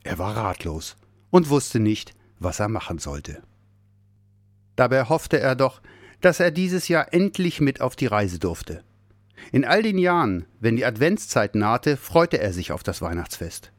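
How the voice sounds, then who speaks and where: A man reading a children's Christmas story aloud, expressive and lively. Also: medium pitch, a little slow, dry recording. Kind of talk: scripted narration of a children's story.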